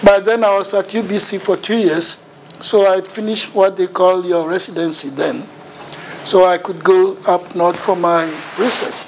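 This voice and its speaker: In a lecture room facing a projection screen, a middle-aged man with a Ghanaian accent gives a seminar as a visiting university lecturer, sharing his story with self-mocking humour. He has a high-pitched voice. The audio quality is poor, and there's slight background noise.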